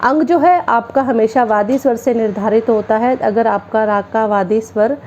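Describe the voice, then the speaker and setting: A woman's voice: on the high side, normal speed, a little mellow, lo-fi sound, a little hiss or hum. A woman from Haryana, India, a music teacher giving a classroom-style music theory lesson, explaining each term step by step with simple definitions.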